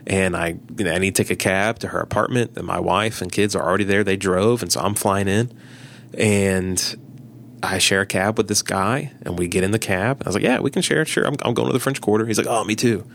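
A deep-voiced pastor speaks briskly on a podcast, keeping things casual while he animatedly recounts stories and plays the parts of those he quotes.

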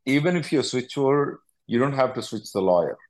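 This man, an immigration attorney hosting a call-in show, has a mid-range voice with lively intonation and talks a little fast. In a question-and-answer advice call, he answers callers bluntly, often repeating himself and cutting in.

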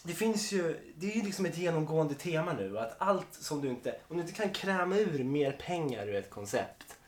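A man's voice: fairly high pitch, very animated, reverberant. A man co-hosting a podcast in casual chat, chatty, swearing freely and laughing often. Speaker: podcast co-host.

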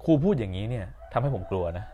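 A man's voice: fairly low pitch, expressive, rapid-fire, phone-quality sound, a little hiss or hum. A young man hosting a podcast, telling a personal story in a casual, rambling way with fillers and self-corrections. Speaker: podcast host.

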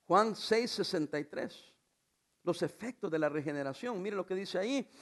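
A man preaching to his congregation with a notably high voice. He is a middle-aged pastor who swings between loud calls and soft asides, throws rhetorical questions at the room and keeps a joking edge. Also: lively intonation, moderate pace. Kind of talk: sermon.

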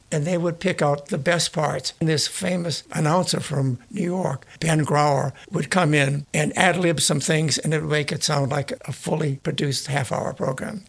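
An older man being interviewed, reminiscing about his career in a relaxed storytelling way with many restarts. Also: on the high side, gravelly, slightly rough. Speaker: interviewee, retired broadcast engineer. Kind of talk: casual reminiscing.

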